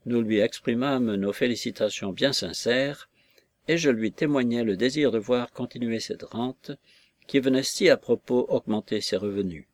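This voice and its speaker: A man reading a classic novel aloud as an audiobook, in a measured, expressive storytelling manner. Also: medium pitch. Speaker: reader. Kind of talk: audiobook narration.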